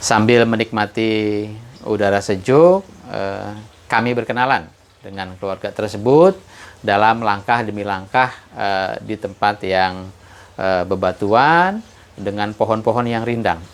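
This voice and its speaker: A man hosting his own channel, telling a moral story slowly and thoughtfully, pausing often with "eh" and lifting his voice on key points. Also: smooth. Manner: unhurried, measured, frequent "eh" pauses; rises in pitch and force on key points. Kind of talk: reflective moral storytelling monologue.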